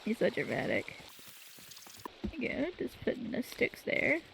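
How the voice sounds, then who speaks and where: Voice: mid-range voice, huge pitch swings, a little slow, vocal fry, fairly bright tone, slight background noise, poor audio. A casual gaming partner chatting through a co-op game, dry and teasing.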